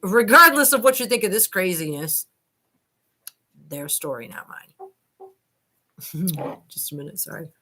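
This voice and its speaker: A woman hosts a video, giving an informal dramatic reading with running commentary that's colloquial, digressive and self-deprecating. Her lowish voice is very animated, bright and forceful, moving at a measured pace with frequent pauses.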